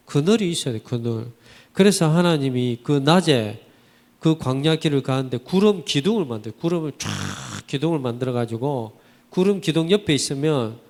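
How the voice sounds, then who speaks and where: A man preaching a Sunday sermon, asking his congregation rhetorical questions and using vivid everyday expressions. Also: fairly high pitch. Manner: animated, vivid colloquial storytelling. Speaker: pastor. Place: church sanctuary. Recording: church hall reverb.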